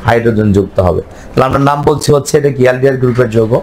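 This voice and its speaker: A man's voice: medium pitch, rapid-fire, darkish tone, soft background music, low-quality recording. Male teacher quizzing his class. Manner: quizzing the class with repeated questions. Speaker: chemistry teacher. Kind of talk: classroom lecture.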